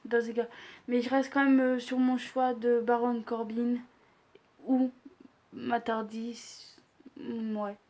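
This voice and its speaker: Slow, flat-voiced young woman vlogger. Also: fairly high pitch. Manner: hesitant, many fillers, self-deprecating. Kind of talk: casual wrestling predictions vlog.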